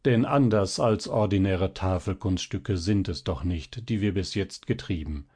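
A man reading aloud and voicing a calm, sly old male magician who talks in a measured, gently smiling way. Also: on the low side.

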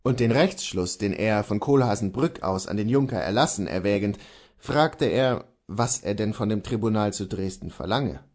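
A man narrating a classic literary story as an audiobook, in a measured, steady manner. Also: on the low side. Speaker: audiobook reader.

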